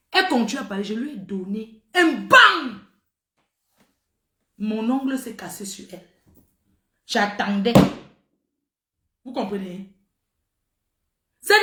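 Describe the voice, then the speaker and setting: A middle-aged woman talks straight to her viewers, telling a story in an animated, emphatic way and hammering her points home by repeating them. Her voice sits high and sounds bright and forceful. The recording has a noticeable roomy echo. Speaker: social media personality.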